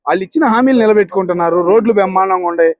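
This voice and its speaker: A man, answering a street interview with combative, rapid-fire rhetorical questions. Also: high voice, dry recording, muffled recording.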